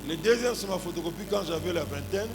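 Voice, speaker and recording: A Congolese-accented pastor in his forties delivers an animated sermon full of anecdotes, addressing the congregation and punctuating points with exclamations and rhetorical questions. His voice is high-pitched, animated and fast, with background noise.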